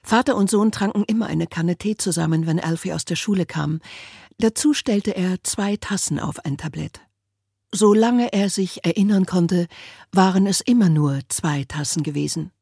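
A woman narrating an audiobook in a calm, measured storytelling manner. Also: on the low side, vocal fry, husky, no echo, clean studio sound. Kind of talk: scripted narration.

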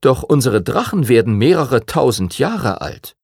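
A man reading the part of a patient older male teacher of dragon riders, speaking in a calm, measured, lecturing way. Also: mid-range voice, slightly rough, dry recording, studio quality, heavily acted.

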